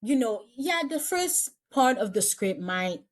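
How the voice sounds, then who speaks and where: A woman's voice: fairly high pitch, very animated, unhurried. A woman casting director chatting in an interview, repeating and restarting her phrases as she talks. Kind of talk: casual interview chat.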